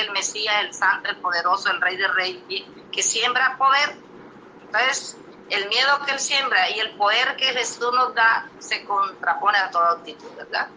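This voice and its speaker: Very bright-voiced woman preacher. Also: medium pitch, a little hiss or hum, poor audio. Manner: emphatic storytelling, frequent rhetorical questions to the congregation. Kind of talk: testimonial sermon.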